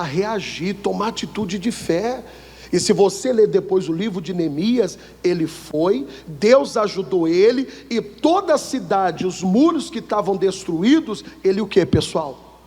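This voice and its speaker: Male Brazilian pastor, high and husky voice, church sermon with call-and-response, long reverb. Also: a little mellow. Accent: Brazilian Portuguese. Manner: call-and-response questions to the congregation; slow emphatic scripture reading. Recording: echoey hall with long reverb.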